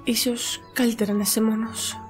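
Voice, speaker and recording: Woman playing sly, high-voiced young Meg. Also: level tone, over music, natural voice. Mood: guarded, sad. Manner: sardonic, teasing. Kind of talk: animated film fan dub.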